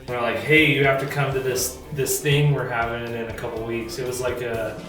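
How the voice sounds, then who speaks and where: A man's voice: mid-range voice, level tone, normal speed, a bit bright. A twenty-year-old man, a band's guitarist, telling stories loosely in a casual documentary interview, full of "like". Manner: loose storyteller, heavy use of "like". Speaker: guitarist in a band. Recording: echoey room, distant mic, music underneath.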